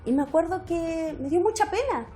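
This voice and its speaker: A woman in her fifties from Chile, a parliamentarian guest who talks about her life thoughtfully, often pausing and rephrasing. Her voice sits high, and faint music plays underneath. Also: lively intonation. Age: 50s. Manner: warm reflective storytelling, frequent hesitations. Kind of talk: conversational interview.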